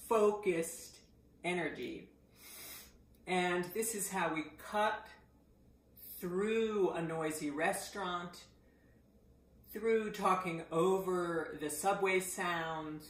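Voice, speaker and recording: A middle-aged woman teaching voice exercises. She breaks into loud vocal sounds to show each exercise. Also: on the low side. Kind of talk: voice exercise lesson. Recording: echoey room.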